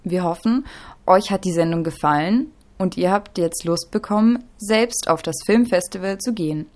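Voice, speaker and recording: A woman's voice: lowish voice, normal speed, darkish tone, a little hiss or hum. A woman hosting a youth radio magazine, presenting scripted links addressed directly to listeners.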